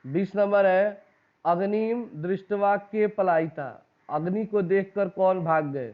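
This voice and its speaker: A man with a high voice and a Bihari Hindi accent teaches a classroom of students. He reads out exam questions and their options, quizzes the class and repeats the answers back. The sound is thin and tinny, like a phone recording. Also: takes it slowly. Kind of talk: exam-prep lesson, reading out quiz questions and options.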